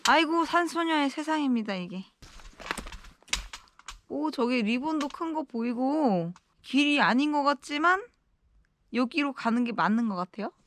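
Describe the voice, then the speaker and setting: Outdoors in an icy valley, a solo backpacking vlogger talks casually to viewers, muttering to herself nervously as she walks carefully. Her high voice has lively intonation and a measured pace with frequent pauses, against a noisy background.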